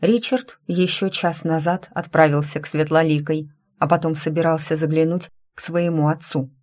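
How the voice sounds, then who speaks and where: A woman narrating a first-person story in a steady, unhurried reading voice. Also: deep voice. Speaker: audiobook narrator.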